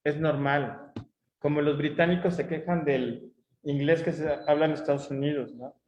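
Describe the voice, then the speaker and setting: A man's voice: on the high side, fairly even intonation, moderate pace, darkish tone. A middle-aged Mexican man giving a conversational conference talk, telling anecdotes with many tag questions and fillers. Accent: Mexican Spanish. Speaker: conference speaker. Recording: echoey, dull lo-fi room audio.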